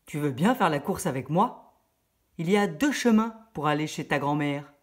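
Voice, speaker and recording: A woman's voice: sits low, lively intonation, normal speed. Woman playing a sly hungry wolf. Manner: loud, sly and drawn out.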